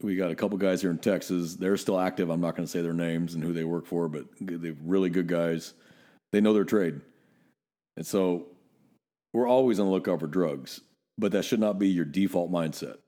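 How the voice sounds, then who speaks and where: A man's voice: low-pitched, fairly quick, warm tone. A middle-aged man from Northern California, a police officer co-hosting a podcast, telling blunt, profane stories in casual chat.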